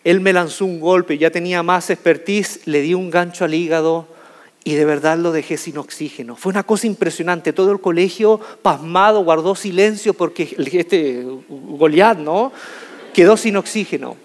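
A man telling a humorous personal story to an audience as a motivational speaker, in an animated, jokey way, stretching out key words. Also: high-pitched, normal speed. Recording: reverberant hall.

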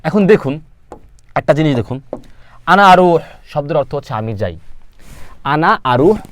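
A man's voice: fairly high pitch, animated, moderate pace, slight background noise. A man teaching an Arabic lesson, repeating each word and asking then answering his own questions. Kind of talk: spoken language lesson.

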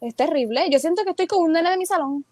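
A woman's voice: very high voice, lively intonation, fast talker, a little mellow, no echo. A young adult woman, a teacher and entrepreneur, telling stories as a guest in a casual interview and acting out her own quoted thoughts.

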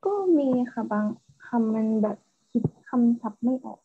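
A woman student whose first language is Thai, giving a halting practice answer and rating herself. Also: a little high, level tone, husky, no room sound. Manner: hesitant, halting speech. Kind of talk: practice speaking answer and self-assessment. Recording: tinny phone-like call line.

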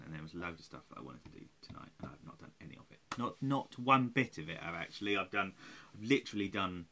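With a low, pushed and bright voice and a little background noise, a man of about forty vlogs from a small room at home on a close-range webcam. He sounds tired, rambling, swearing and mocking himself.

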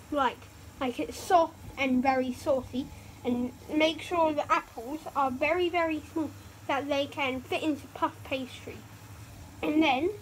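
A high-pitched young girl rambles cheerfully through a home cooking vlog, correcting herself mid-sentence. She talks slowly, recorded on a phone in a kitchen with a faint hum behind her. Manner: chatty, rambling, self-correcting.

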